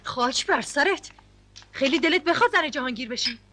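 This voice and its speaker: A bossy, scolding wife and mother, who nags insistently in a high, bright voice. Her lines have the clean sound of 1970s dubbed film dialogue. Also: lively intonation, slight background noise. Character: domineering middle-aged wife and mother. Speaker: scheming mother pushing her daughter's marriage.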